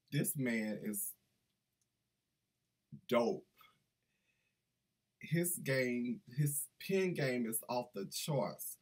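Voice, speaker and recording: A man's voice: medium pitch, breathy edge. A middle-aged man chatting enthusiastically through a casual book review vlog, recorded at his desk on a webcam in a small room. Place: small indoor room with banners.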